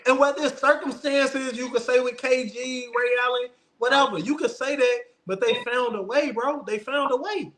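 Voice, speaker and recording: A man with a high-pitched voice talks sports in a casual, opinionated way. He is emphatic and insistent, repeating phrases to drive them home. There is clear noise behind him. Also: normal speed, hardly any pauses, a bit bright. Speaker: host of a basketball debate show.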